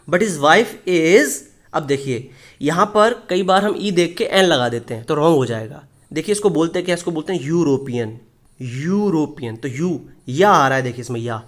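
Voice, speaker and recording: Man, high voice, grammar teacher leading a Hindi classroom lesson, asks and answers his own questions, reads examples slowly. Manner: explains step by step, asks questions and answers them; reads English example sentences slowly and deliberately.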